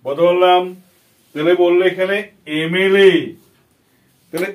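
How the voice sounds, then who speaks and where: Steady in tone and high in pitch, a man speaks at a measured pace while teaching children English grammar. He has a Bengali accent, repeats material patiently, and quizzes the class.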